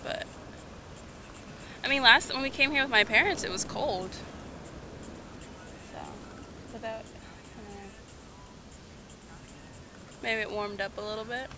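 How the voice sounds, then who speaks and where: A woman's voice: fairly high pitch, unhurried, pauses often. A young woman from the US East Coast chatting casually to a handheld camera at arm's length on a sunny beach, easygoing and trailing off with "I don't know". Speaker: vlogger. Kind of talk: casual vlog chat. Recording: loud beach wind and surf noise.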